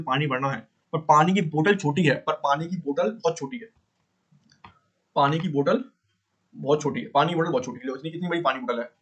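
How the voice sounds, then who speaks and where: A man teaching a beginner coding lesson in a casual way, repeating points and asking and answering his own questions, often pausing to fix his drawing. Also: on the high side, breathy edge. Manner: frequent pauses to fix the drawing.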